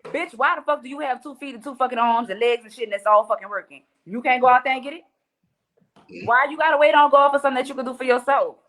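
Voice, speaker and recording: A woman with a New Orleans accent talks in a fairly high voice on a podcast. She is blunt and profane and full of energy, breaking into quoted voices as she makes her points in casual conversation. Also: quick pace, a bit bright. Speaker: podcast guest, rapper. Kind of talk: casual chat.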